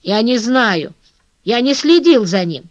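A sly, scheming crook who drops hints and keeps his secrets, as a narrator puts him on. His pitch swings up and down, and the audiobook recording is dull and completely dry. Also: very animated, measured pace, dry recording. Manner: secretive, insinuating. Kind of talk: audiobook character voice.

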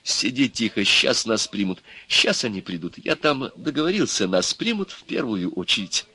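A man voicing a sly, fast-talking male devil who is evasive and wheedling. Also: fairly low pitch, very animated, sharp tone, slightly rough, no echo, heavily acted. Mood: fussing.

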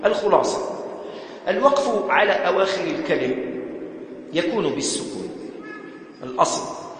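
A man, teaching the rules of Quran recitation to a mosque class and chanting verses slowly to show them. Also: high-pitched, animated. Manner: slow, sung demonstrations of Quranic verses between explanations. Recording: echoey hall with faint background noise.

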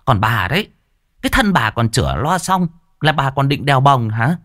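A man's voice: medium pitch, big pitch swings, normal speed, a bit bright, pitched above the performer's own voice. A man voicing a cruel, sneering landlord's wife who scolds and picks fights. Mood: scornful.

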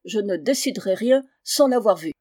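A woman voicing a gruff, stubborn middle-aged peasant father who answers curtly. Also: mid-range voice, expressive, moderate pace, dark tone, lightly acted. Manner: gruff, curt.

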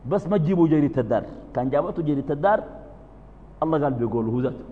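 A man preaching in Sudanese Arabic, asking his listeners questions and answering them himself, calm one moment and suddenly loud and emphatic the next. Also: a little high, very fast, big-room sound, phone-quality sound. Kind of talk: religious lesson.

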